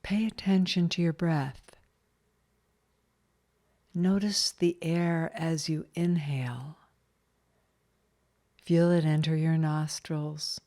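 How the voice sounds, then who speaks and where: Speaking in a low pitch, a woman leads a scripted guided meditation; she stays calm and soothing, measures her words, and lets long pauses hang.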